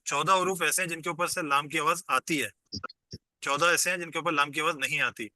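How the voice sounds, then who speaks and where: A man's voice: a little high, steady tone, bright, forceful tone, no echo. A man teaching an online class, explaining patiently step by step and quizzing his students as he goes, heard over a video call.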